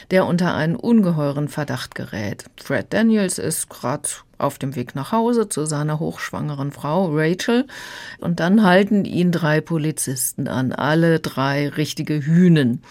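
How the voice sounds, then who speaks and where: A woman critic discussing an audiobook on the radio, explaining the story clearly. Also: low-pitched, darkish tone. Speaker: book critic guest. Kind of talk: radio book-review discussion.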